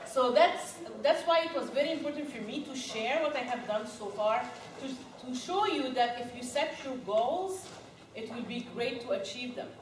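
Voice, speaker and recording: A woman's voice: high voice, normal speed, background noise. A woman from Egypt leading a live goal-setting workshop at a conference, chatty and laughing, asking the audience questions. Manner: lively, laughing, quizzes the audience. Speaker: workshop speaker. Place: conference room. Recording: echoey room, recorded from far.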